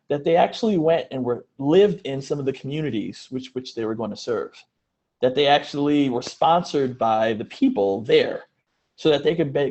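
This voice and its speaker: A man's voice: mid-range voice, darkish tone, highs cut off. A man presenting a webinar, speaking earnestly, posing questions to a panel and often restarting his phrases.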